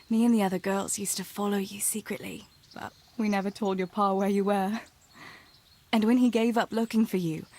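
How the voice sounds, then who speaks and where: A woman's voice: medium pitch, a little mellow, natural voice. Theresa, a woman as a teasing young village sweetheart. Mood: fondly nostalgic. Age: young adult.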